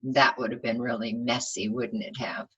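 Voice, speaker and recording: Reading a storybook to her young pupils, a woman teacher speaks expressively and simply, pausing to put questions to them. She has a bass voice with a breathy edge, captured in lo-fi sound.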